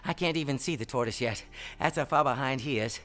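A man voicing a boastful, teasing male hare in a told story, talking fast and mocking. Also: mid-range voice, fairly bright tone, soft background music, lightly acted.

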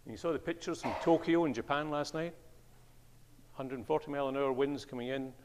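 An older Scottish man preaches in a church with a mid-pitched voice. He tells his stories in an animated way, his pitch leaping up and down. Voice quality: animated storyteller, wide pitch swings on quoted speech. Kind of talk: sermon with anecdotes.

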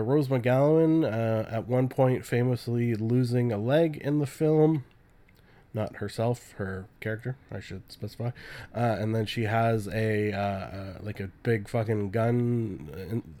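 A man's voice: mid-range voice, darkish tone. Guy with a cold doing his podcast solo, rambly and joking at himself, lots of uhs. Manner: rambling, self-mocking, many filler "uh"s. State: sick, voice deepened by illness. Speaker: podcast host. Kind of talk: casual solo podcast talk.

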